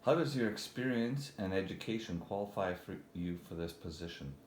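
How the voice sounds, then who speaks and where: A man's voice: deep voice, lively intonation, brisk. A man acting as interviewer, putting formal prepared questions to a candidate. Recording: echoey room, faint background noise.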